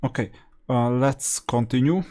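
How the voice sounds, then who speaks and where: Explaining strategy while he plays, a man hosting a gaming strategy channel narrates a video game in a casual, matter-of-fact way. His voice is mellow and medium in pitch, with a measured pace.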